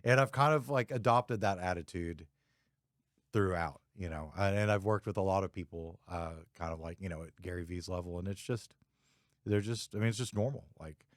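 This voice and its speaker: This low-voiced man, a podcast host and photographer, chats casually in a laid-back, rambling style packed with fillers. The recording is dry and of studio quality.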